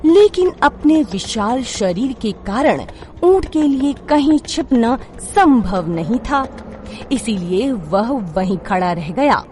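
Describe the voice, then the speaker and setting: A woman narrating a children's moral story in a scripted, expressive way. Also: on the high side, takes it slowly, slight background noise.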